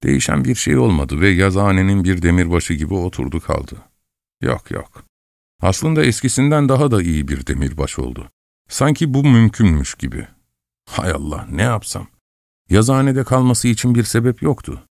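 A man narrating an audiobook in a measured, expressive first-person storytelling manner. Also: sits low, gravelly, no room sound, studio quality.

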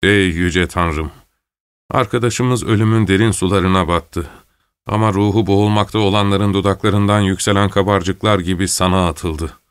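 A man voicing a shaken soldier who reads a prayer at a grave, hushed and hesitant. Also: deep voice, fairly even intonation, moderate pace, clean tone, no echo, lightly acted. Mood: hushed solemn.

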